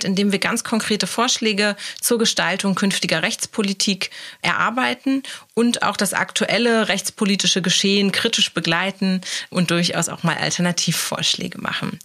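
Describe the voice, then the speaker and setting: A woman co-hosting a legal podcast, explaining things clearly with occasional fillers. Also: mid-range voice, bright, forceful tone. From Germany. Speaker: podcast co-host.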